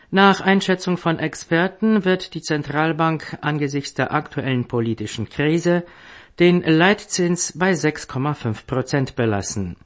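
A man reading a scripted news bulletin in a formal manner as a radio newsreader. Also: on the high side. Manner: formal, headline then story.

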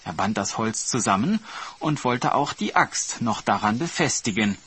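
A man reading a fairy tale aloud in a calm, storybook narration style. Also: on the low side, moderate pace, breathy edge.

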